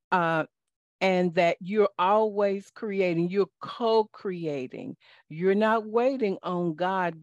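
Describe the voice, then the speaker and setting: This lowish-voiced woman speaks with a Southern accent as the life coach hosting a live call-in show. She's slow, folksy and preachy. The recording is dry and has a dull lo-fi quality.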